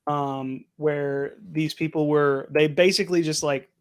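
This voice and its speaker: A man's voice: fairly high pitch, steady tone, unhurried, clean tone. A young man co-hosting a podcast, chatting casually and rambling with lots of "like". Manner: rambling, uses "like" a lot. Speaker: podcast co-host. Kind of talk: casual chat.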